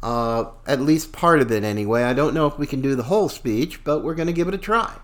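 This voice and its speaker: A man's voice: medium pitch, expressive, fairly quick. A man hosting a talk show with casual, folksy, opinionated and slangy political commentary.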